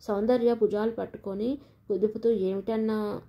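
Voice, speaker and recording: A woman narrating a novel in an even storytelling manner. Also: medium pitch, moderate pace. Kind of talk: audiobook novel reading. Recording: dull lo-fi recording.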